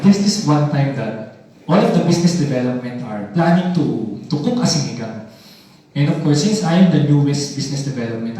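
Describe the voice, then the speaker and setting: Young male presenter, mellow tone, roomy distant hall sound, lively audience call-outs. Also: mid-range voice. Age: young adult. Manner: animated, audience call-and-response. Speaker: business development presenter. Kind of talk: stage product presentation. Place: large hall, heard from the mic at a distance. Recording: echoey hall from far off.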